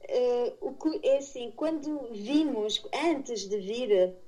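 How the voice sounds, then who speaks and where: Speaking slowly in a slightly high, animated, mellow voice, a Portuguese-accented woman from Madeira tells stories as an interview guest and corrects herself along the way. She is middle-aged, an expatriate aviation instructor, and her answers are casual and conversational.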